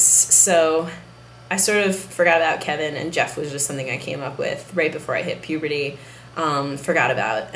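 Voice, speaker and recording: A young man talking candidly to camera in a casual video diary, unhurried and soft-spoken. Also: medium pitch, creaky. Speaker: vlogger. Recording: roomy with faint background hiss.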